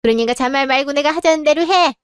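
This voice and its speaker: A high, shrill-edged older mother-in-law who scolds and nags without letup, as a woman reads her part in a dramatized story. She harps on demands in a reproachful tone, and the sound is dry and close, with no room around it. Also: quick pace, no room sound, natural voice.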